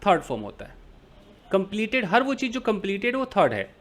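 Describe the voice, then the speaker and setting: A man's voice: sits high, huge pitch swings, brisk, a bit bright. A man teaching an English grammar lesson in Hindi, explaining with everyday examples and asking and answering his own questions.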